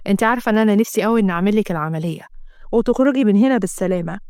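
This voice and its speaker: A man's voice: sits high, racing, a little mellow, clean tone, dry recording, clean studio sound, pitched below the performer's own voice. A woman voicing a cold, commanding male boss with an Egyptian Arabic accent, giving stern, clipped orders. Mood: smooth.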